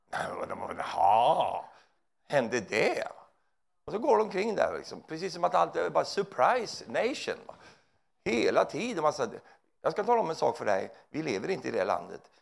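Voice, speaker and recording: Gravelly, animated male preacher. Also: on the high side. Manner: animated, joking, tags lines with "va?". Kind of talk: sermon.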